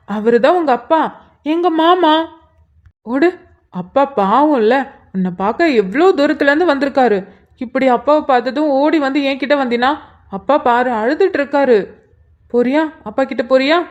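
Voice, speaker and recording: Cartoon role: a woman playing a soft-spoken aunt coaxing a child, high voice, dull lo-fi recording. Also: normal speed, long pauses, natural voice. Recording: dull lo-fi sound.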